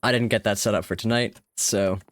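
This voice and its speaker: On a desk mic, a man with a lowish, steady voice talks a little fast in casual gaming-stream chatter, rambling with small laughs. He's sick, a touch hoarse and tired, and the recording is dry.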